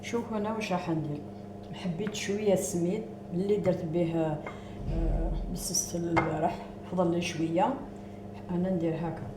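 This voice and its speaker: A woman's voice: on the low side, fairly even intonation, a little fast. A woman with an Algerian Arabic accent hosting a cooking show in a kitchen, talking viewers through each step as she works. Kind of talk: cooking demonstration. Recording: echoey room with background noise.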